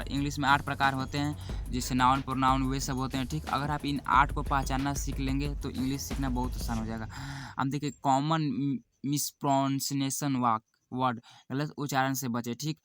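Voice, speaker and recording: Male teacher, even middle pitch, patient and repetitive explaining, music bed clearly heard behind. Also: normal speed. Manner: repeats points, keeps saying "look" and "okay". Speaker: English teacher. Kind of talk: explaining a beginner lesson.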